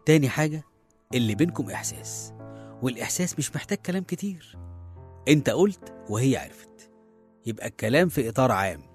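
A man's voice: medium pitch, big pitch swings, fast, pauses often, close to an everyday voice. An actor with an Egyptian accent playing a harried, well-meaning middle-aged father in a radio serial, conversational and often hesitant. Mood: fatherly, firm. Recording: music behind the voice.

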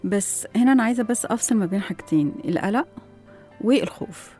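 Over soft background music, a woman with an Egyptian Arabic accent appears as a guest education expert in an interview, laying out her ideas and often posing rhetorical questions. Her medium-pitched voice is mellow and animated, and she talks quickly.

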